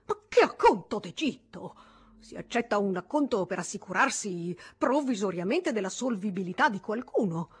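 A woman voicing a loud, mocking old male banker who keeps bursting into laughter. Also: medium pitch, expressive, moderate pace, husky. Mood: cackling.

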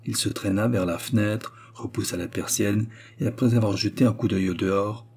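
A male audiobook narrator reading a novel in a steady, measured way. His voice is low, dark and husky.

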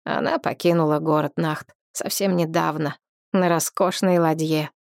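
Woman reading a sombre red-haired companion, low and heavy, storybook. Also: fairly even intonation, moderate pace, vocal fry, darkish tone, dry recording, studio quality. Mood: grave. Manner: sighing, grave. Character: red-haired man, friendly comrade, bearer of bad news.

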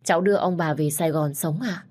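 A woman's voice: deep voice, fast, darkish tone. A woman voicing a polite young grandson. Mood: remorseful. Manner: polite, deferential.

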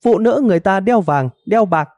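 A shrill, hot-tempered middle-aged village wife, as a male narrator puts her on, nagging and wailing in a high, piercing voice. Her pitch leaps about wildly over a dark, mellow tone, heard up close in a dry recording. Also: animated, a little fast, dry recording, muffled recording. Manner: scolding, wailing melodramatically.

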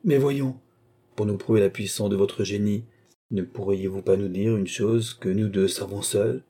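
A man's voice: fairly low pitch, steady tone, normal speed, mellow, husky. A man voicing a vain, sly and jovial very old marshal in a storybook reading. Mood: gleeful.

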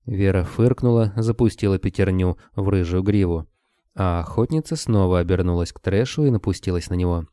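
A male audiobook narrator telling a dark fantasy tale in a steady way. His voice is low and dark, with a mellow tone. The recording is dry and close to the mic. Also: fairly quick, smooth, dry recording.

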